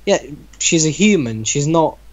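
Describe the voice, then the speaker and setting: A man with a fairly high, lively voice reads a story aloud to friends at an unhurried pace, and the sound is lo-fi. As the reader in a group reaction show, he banters casually and keeps breaking in with sceptical, teasing remarks.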